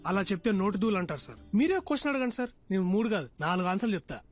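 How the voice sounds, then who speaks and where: A man's voice: high-pitched, sing-song, rapid-fire. An actor playing a talkative, glib young man pleading for a job in a film scene. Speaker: job candidate. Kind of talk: Telugu film dialogue. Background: film score music.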